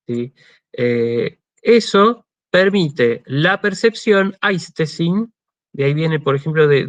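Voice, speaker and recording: A man's voice: on the high side, no echo. A man with an Argentine accent gives a university lecture over a video call, explaining patiently and checking in with his listeners. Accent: Argentine Spanish. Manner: explanatory, frequent "¿sí?" check-ins and "este" fillers. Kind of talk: online lecture.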